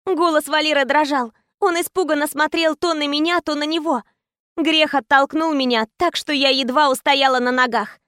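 A woman's voice: high-pitched, steady tone, normal speed, a bit bright, dry recording, clean studio sound. A woman narrating a tense first-person story as an audiobook reader.

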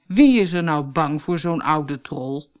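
A woman's voice: low-pitched, lively intonation, slow, a little mellow, voice pushed down. A woman voicing a boastful, defiant young man, the second son, in a storybook reading. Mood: cocky.

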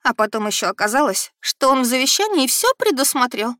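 A woman's voice: high-pitched, very animated, fairly quick, a bit bright, no echo, clean studio sound, voice pushed up. Woman doing a fussy, reproachful noble mother. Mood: pleading. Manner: pleading and reproachful. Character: fussy middle-aged noble mother, tearful.

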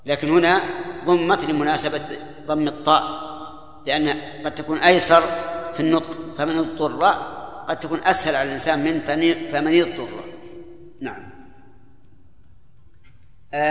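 A man's voice: fairly high pitch, fairly even intonation, fairly quick, pauses often, fairly bright tone. An older male scholar giving a Quran lesson, quizzing his students and chiding them when they forget. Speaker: Islamic scholar teaching tafsir. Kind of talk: classroom lesson with questions to students. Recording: echoey hall, old tape lecture recording.

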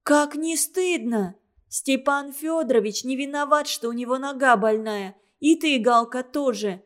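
A woman's voice: on the high side, a little slow, lightly acted. A woman voicing an earnest, righteous orphan girl in an audiobook, speaking indignantly. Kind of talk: audiobook character voice.

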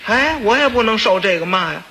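Man doing a slippery scheming official, wheedly stammer, high voice. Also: expressive, fairly quick, noisy background. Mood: wheedling. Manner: wheedling, stammering with feigned humility. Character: sly fawning male court official, scheming.

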